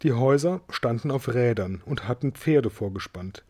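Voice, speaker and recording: A man reading a storybook aloud in a steady, even-toned storytelling manner. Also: mid-range voice, normal speed. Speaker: audiobook reader.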